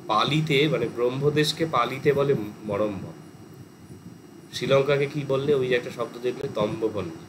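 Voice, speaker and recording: A male teacher with a West Bengal Bengali accent, lecturing in a class and explaining terms at length with English words mixed in. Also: mid-range voice. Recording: air conditioner hum behind.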